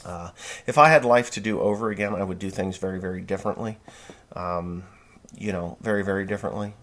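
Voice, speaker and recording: This man, a podcast host in his forties hailing from New Jersey, USA, talks fairly quickly in a low, slightly bright voice. His monologue rambles, blunt and folksy, riddled with fillers and restarts.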